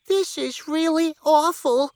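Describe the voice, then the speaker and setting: A frightened, tearful young pig with a very high, slow, whimpering voice. Storybook reading, every word drawn out in distress. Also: male voice, darkish tone, no room sound, full character voice. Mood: despairing.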